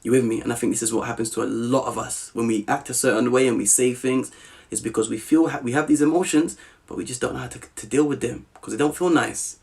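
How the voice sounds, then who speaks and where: South london guy on a podcast, casual storytelling, keeps asking you with me, mid pitch. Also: fast, vocal fry. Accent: South London English. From Southeast London, England. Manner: animated, checks in often with "you with me?". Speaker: podcast guest.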